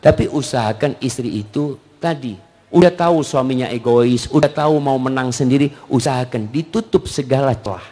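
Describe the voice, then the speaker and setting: A man's voice: mid-range voice, normal speed. A man preaching in a question-and-answer lecture, joking with the audience and acting out scenes between husbands and wives. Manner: lively, acts out husband-and-wife exchanges; jokes with the audience. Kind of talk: Islamic Q&A lecture.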